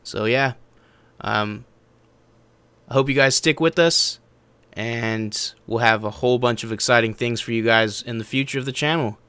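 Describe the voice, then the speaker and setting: A man's voice: medium pitch, normal speed, sharp tone, clear, resonant tone, dry recording. A young man, the channel's host, giving a casual, earnest update and often repeating himself.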